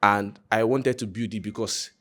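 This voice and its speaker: A man's voice: lowish voice, fairly even intonation, normal speed, fairly bright tone. A Nigerian man giving an informal, conversational live presentation of his project, joking and speaking directly to his listeners. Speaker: content creator presenting a hackathon project.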